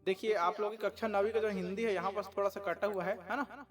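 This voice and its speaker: A man's voice: high-pitched, steady tone, fast talker. A male teacher explaining a school assignment to students, often asking questions and answering them himself, with frequent checks like "okay?". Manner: keeps checking with tag questions; asks and answers his own questions.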